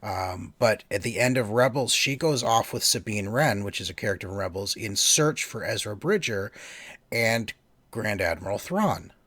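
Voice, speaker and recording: A man's voice: on the low side, animated, normal speed, fairly bright tone, breathy edge, no echo. A man co-hosting a podcast, chatting casually and enthusiastically, with many fillers and restarts. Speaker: podcast co-host. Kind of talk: casual chat.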